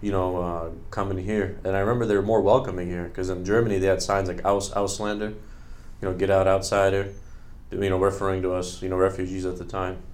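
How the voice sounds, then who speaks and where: Low flat-voiced young man guest. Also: fairly quick, few pauses. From Bosnia. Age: late 20s. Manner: earnest, rambling with fillers. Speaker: podcast guest. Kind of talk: casual interview talk.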